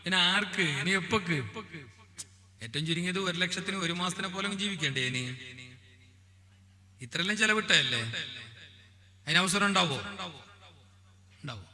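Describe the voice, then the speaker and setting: A male Islamic preacher, delivering a sermon in a melodic sing-song chant that drops to quiet asides. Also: fairly high pitch. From Kerala. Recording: reverberant hall with long echo.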